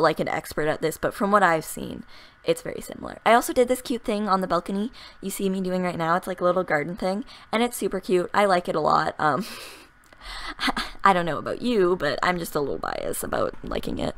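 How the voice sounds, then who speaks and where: A young woman with a dry throat, chatting fast and excitedly over a game build, often laughing and restarting her thoughts. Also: fairly low pitch, no echo. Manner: fast, rambling, giggly, excitable. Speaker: gaming YouTuber narrating a speed build. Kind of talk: casual voice-over chat.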